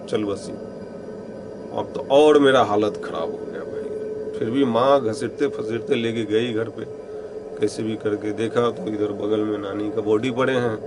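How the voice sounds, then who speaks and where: A man narrating a first-person ghost story in a rustic, halting storytelling manner, his voice often dropping low and hushed. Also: background noise. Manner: rustic storytelling, many pauses, some quoted lines spoken low and hushed.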